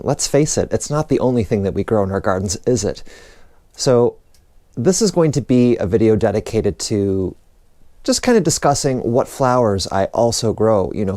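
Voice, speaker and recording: A man's voice: fairly low pitch, darkish tone, no echo. A man hosting a casual gardening vlog, chatty and enthusiastic, often drifting off topic. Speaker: gardening vlogger. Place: outdoors in a snowy garden for part.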